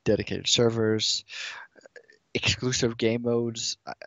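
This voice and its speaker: A man co-hosting a reaction video, speaking in an excitable, emphatic way. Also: mid-range voice, takes it slowly, no echo, muffled recording. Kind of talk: casual reaction video commentary.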